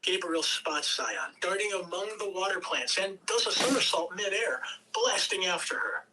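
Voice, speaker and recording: An amateur performing at a table read gives the narration and scene directions of a screenplay strong theatrical emphasis. The medium-pitched voice is pushed and bright, moving at a moderate pace, recorded from afar on a home mic with background noise.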